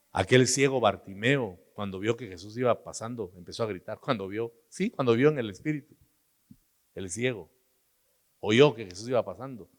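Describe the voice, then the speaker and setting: A man with a Guatemalan Spanish accent preaching a sermon as pastor, moving between hushed asides and sudden loud, high outbursts. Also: big-room sound.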